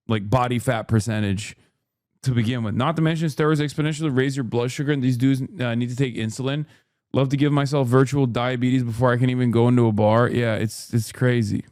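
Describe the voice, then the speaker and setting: A man in his thirties streams his reactions in a loose, rambling way, swearing for emphasis and circling back on his points. His voice sits at an ordinary pitch. The sound is very dry and close to the mic. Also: darkish tone, dry recording. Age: 30s. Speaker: streamer host. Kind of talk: casual reaction commentary.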